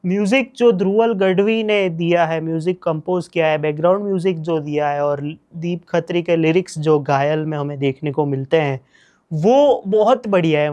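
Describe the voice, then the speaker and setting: A man with a Gujarati accent talking through a series review in a casual, enthusiastic way, repeating praise and mixing in English phrases. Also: high voice.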